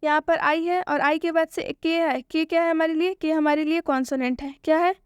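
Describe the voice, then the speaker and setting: A woman gives a spoken English lesson. She asks questions and answers them herself, and she repeats each point slowly. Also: sits high, steady tone, dry recording, clean studio sound. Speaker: English teacher.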